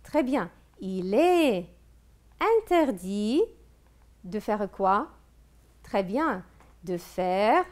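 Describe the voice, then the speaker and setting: Slow, lively-voiced woman teacher. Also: medium pitch. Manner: slow, patient, asks questions and praises answers. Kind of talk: televised classroom review lesson.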